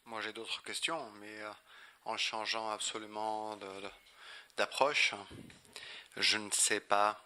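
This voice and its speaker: A man from northern Spain with a foreign Spanish accent in French, haltingly asking a question in a discussion and searching for words. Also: lowish voice, flat delivery, bright, forceful tone, slight background noise.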